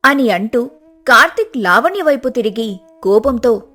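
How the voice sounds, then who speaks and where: A woman narrating an animated family drama in a dramatic storytelling manner. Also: on the high side, normal speed.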